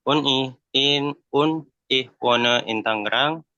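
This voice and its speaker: Slow, bright-voiced Indonesian student. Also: male voice, medium pitch, dry recording. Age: 20s. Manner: slow, careful learner's delivery. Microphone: video call. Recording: dull lo-fi call audio.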